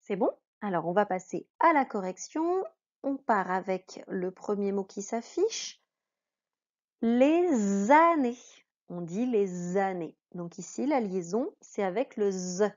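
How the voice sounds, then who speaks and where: A woman's voice: medium pitch, lively intonation, a little slow, a little mellow. A woman teaching a reading lesson to children, patient, drawing out each example word. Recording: dull lo-fi sound.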